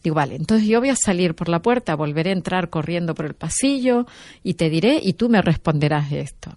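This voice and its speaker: Woman, lowish voice, dry close sound, lively storyteller who acts out dialogue. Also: a little fast, dry recording. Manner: animated, acts out quoted dialogue. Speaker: guest expert. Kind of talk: conversational storytelling.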